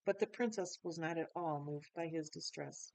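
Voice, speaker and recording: Brief: woman storyteller, fairly low voice, dry close sound, reads a children's chapter book and talks to her listeners. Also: moderate pace, gravelly, dry recording, poor audio. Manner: warm, chatty asides to listeners. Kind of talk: reading a children's book aloud.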